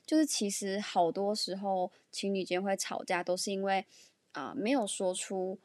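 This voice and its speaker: A woman's voice: medium pitch, normal speed, darkish tone, no echo. A young woman with a Taiwanese Mandarin accent hosting her own podcast, talking candidly and casually with plenty of fillers. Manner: chatty and candid, many fillers. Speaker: podcast host. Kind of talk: casual solo podcast chat.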